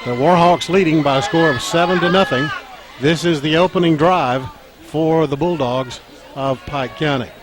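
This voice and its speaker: It's a high school football broadcast: a man's strained, scratchy voice calls each play, stopping and starting with frequent fillers. When a run breaks loose his voice rises, and a crowd and band music play underneath.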